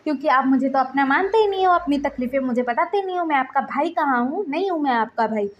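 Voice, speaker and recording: A woman's voice: a little high, animated, brisk, lo-fi sound, slight background noise, close to an everyday voice. A woman voicing a hot-tempered young man who scolds his older brother and then fusses over him, in a fan fiction reading. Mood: angry. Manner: loud, scolding, then fussing.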